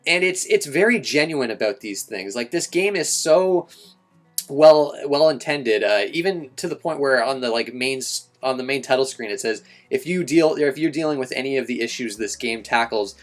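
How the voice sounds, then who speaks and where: A young man talks through a game review in a casual, unscripted way. His pitch sits in the ordinary middle range for a man, and he often stumbles and restarts his sentences with plenty of fillers. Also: expressive, moderate pace, faint music behind. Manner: rambling, many restarts and fillers.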